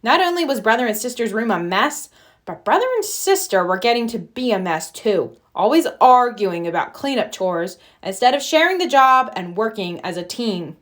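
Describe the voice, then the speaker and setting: A woman narrating a children's storybook aloud in an expressive read-aloud style. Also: a little high, normal speed. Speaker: storybook reader.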